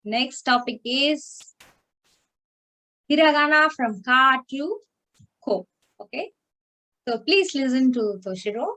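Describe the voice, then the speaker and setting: A woman teaching an online class, speaking slowly and a little high. She is patient, repeating phrases and asking "okay?" to check that her students follow. Her voice comes through a video call. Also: lively intonation, pushed and bright. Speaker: language teacher.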